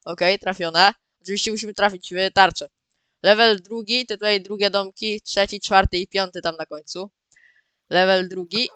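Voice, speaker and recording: A man giving casual, excitable gameplay commentary as the host of his own channel, often repeating words and calling out to his viewers. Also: high-pitched, moderate pace, clean tone, no echo. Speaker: gaming video host.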